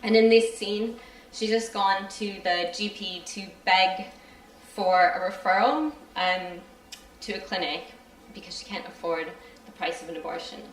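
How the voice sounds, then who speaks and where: A woman reading aloud from her own novel at a live event, chatty in her introduction and steady in the reading. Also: mid-range voice, a little slow. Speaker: creative writing student reading her novel. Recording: roomy hall from far off.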